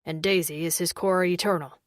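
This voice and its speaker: A woman voicing a massive male alien warrior who speaks in a low, calm, commanding rumble. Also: fairly quick, dry recording, studio quality, close to an everyday voice. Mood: somber.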